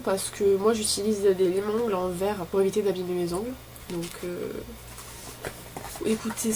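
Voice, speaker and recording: A woman chats informally in the manner of a beauty vlogger, thinking aloud and wandering from one remark to the next. Her pitch is average for a woman. The recording carries clear ambient noise behind her. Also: a little mellow, low-quality recording. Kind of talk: casual chat while opening advent calendars.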